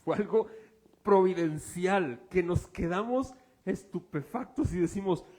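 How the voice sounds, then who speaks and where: A man preaching a sermon in church, swinging from loud exclamations to hushed low passages. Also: expressive, a little slow. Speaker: pastor.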